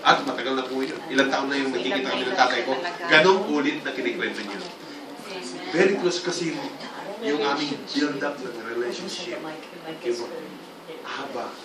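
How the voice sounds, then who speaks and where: A male pastor giving a lively church sermon, often calling out for the congregation's response. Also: medium pitch, moderate pace, over a noisy crowd. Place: church hall. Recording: roomy hall, distant mic, congregation sounds.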